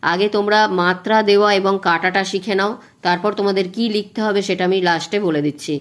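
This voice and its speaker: A woman tutor, teaching verse metre step by step, slowly chanting poem lines and counting syllables aloud. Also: mid-range voice, fairly even intonation. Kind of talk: exam-prep lesson on verse metre.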